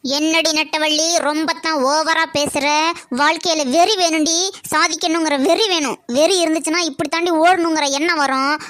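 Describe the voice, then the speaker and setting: A woman's voice: high-pitched, fairly even intonation, fairly bright tone. A woman voicing a driven cartoon older sister who scolds her younger sister. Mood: brisk. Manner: brisk, scolding. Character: driven older sister rushing to find work. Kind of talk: cartoon comedy acting.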